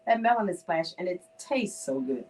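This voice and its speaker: A woman's voice: on the low side, expressive, normal speed, darkish tone, a little hiss or hum. A woman speaking as a guest on a radio show, enthusiastic and grateful. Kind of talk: casual chat.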